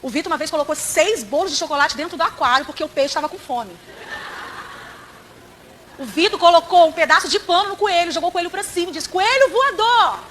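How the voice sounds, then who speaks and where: Preaching in church, a Brazilian-accented woman gives her testimony, telling her story dramatically and addressing the congregation directly. Her voice is extremely high and quick, with slight background noise.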